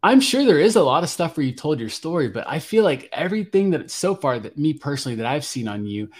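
A man hosting a podcast interview, asking questions in a halting, friendly way with many restarts. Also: a little high, big pitch swings, breathy edge. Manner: hesitant, stammering restarts. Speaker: podcast host. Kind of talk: casual interview.

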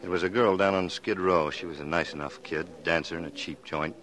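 A weary police detective in a vintage radio drama. His voice is very deep, and he speaks in a plain, matter-of-fact way. He reports the case evenly. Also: steady tone, fairly quick, fairly bright tone. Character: Brub, tired police detective husband. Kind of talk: 1940s radio acting.

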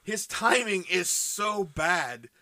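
A man's voice: sits high, animated, slow pace, pushed and bright. A man co-hosting a casual movie podcast, rambling through cast lists with many fillers. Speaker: podcast co-host. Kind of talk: casual movie-review chat.

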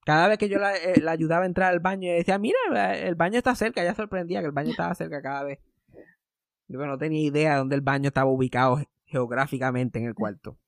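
A man hosting a podcast, telling a story in a sarcastic, animated way and acting out the voices of the people he quotes. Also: a little high, fast talker, no echo, studio quality. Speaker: podcast host. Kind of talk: casual storytelling chat.

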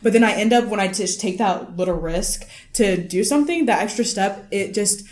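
A woman's voice: mid-range voice, normal speed, darkish tone. Guest: 19, woman from Texas, rambling casual talk, echoey room. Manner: chatty, rambling, lots of fillers. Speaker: podcast guest. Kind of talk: casual chat.

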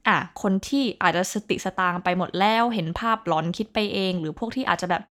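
A woman's voice: fairly low pitch, quick pace, a bit bright. A woman hosting a casual vocabulary lesson, chatting along and spelling English words out letter by letter. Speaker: host teaching English vocabulary.

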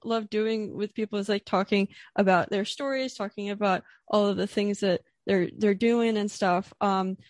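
A woman's voice: mid-range voice, steady tone, moderate pace, hardly any pauses, dry recording, studio quality. A young woman hosting a podcast, chatty and a bit nervous, with lots of fillers and restarts. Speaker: podcast host. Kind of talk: casual interview.

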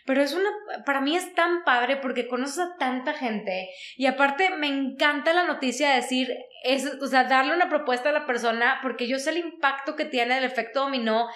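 A woman recounts her path in an interview, animated and sprinkled with fillers. Her voice sits a bit high for a woman. The recording sounds echoey, as if the room bounces her words back. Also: normal speed. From Mexico. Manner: animated, frequent fillers like "o sea" and "¿no?". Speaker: guest, HR consultant. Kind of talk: conversational interview storytelling.

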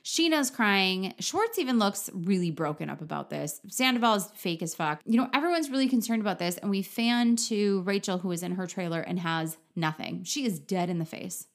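Woman, podcast host, casual recap, blunt, opinionated, frequent restarts, mid-pitched voice. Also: lively intonation, moderate pace, few pauses.

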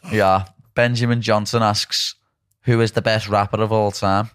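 Low-voiced Liverpool man hosting casually. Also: little pitch movement, normal speed, a bit bright, no room sound, clean studio sound. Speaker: podcast host. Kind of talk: casual interview chat.

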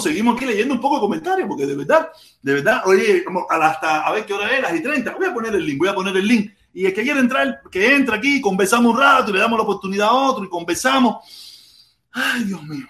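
A Cuban man hosts a live stream from his home, reading viewer comments and talking through them casually. His voice sits a bit high for a man. He repeats phrases over and over, and the room gives his voice a roomy echo. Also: fairly bright tone. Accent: Cuban Spanish. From Cuba.

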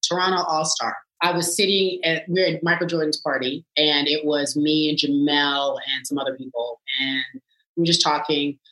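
Lively woman spinning tv stories, bright tone, bit of room echo. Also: normal speed. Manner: animated, swoops up high when acting out her reactions. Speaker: sports TV anchor telling stories. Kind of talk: casual storytelling chat.

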